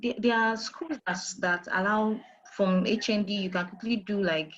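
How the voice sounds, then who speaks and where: This HR manager, a Nigerian-accented woman, has a mid-range voice with fairly even intonation and a normal pace, recorded with the highs cut off. Interviewed about careers, she drives her advice home with emphasis, repetition and rhetorical questions.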